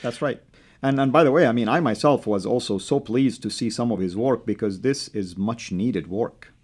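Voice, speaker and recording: A Saudi-born man whose first language is Arabic, speaking English with an American accent, hosting a studio discussion in a measured way with many fillers. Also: mid-range voice, darkish tone. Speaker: host.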